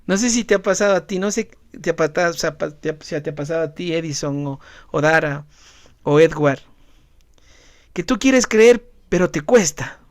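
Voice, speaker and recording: A man's voice: a little high, lively intonation, normal speed, no room sound, clean studio sound. A man who is a pastor preaching a sermon, emphatic and questioning the congregation directly. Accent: Ecuadorian Spanish.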